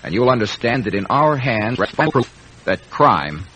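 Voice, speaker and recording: Earnest American man, lively radio oratory. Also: mid-range voice, normal speed, husky. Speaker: actor giving closing address. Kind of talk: scripted moral address on old-time radio. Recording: noisy vintage radio recording.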